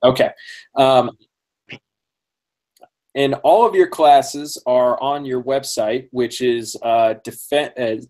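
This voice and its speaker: A man's voice: mid-range voice, a little mellow. A man hosting a casual interview, friendly and talkative, often laughing and using many fillers. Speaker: podcast host.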